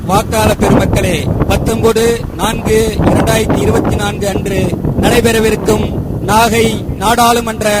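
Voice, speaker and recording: A man's voice: extremely high pitch, heavy background noise. A man making a formal election campaign announcement, appealing to voters in a declamatory style.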